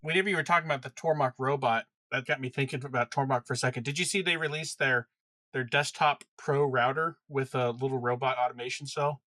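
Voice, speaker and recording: A man's voice: medium pitch, fairly even intonation, fast talker, bright, forceful tone. A man co-hosting a podcast in casual chat, curious and full of follow-up questions. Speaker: podcast co-host.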